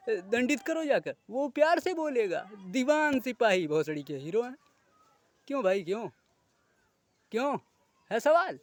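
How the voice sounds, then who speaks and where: A man's voice: extremely high pitch, dry recording. A man delivering a heated, indignant monologue to viewers, swearing crudely and firing off rhetorical questions. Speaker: video creator. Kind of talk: ranting monologue to camera.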